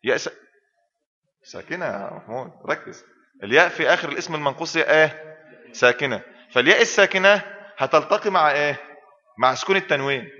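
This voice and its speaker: A man's voice: on the high side, expressive, fast talker, long pauses, pushed and bright. A man with an Egyptian accent, a sheikh giving a classroom lesson, constantly asking his students questions and completing the answers himself. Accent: Egyptian Arabic. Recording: reverberant hall, dull lo-fi sound.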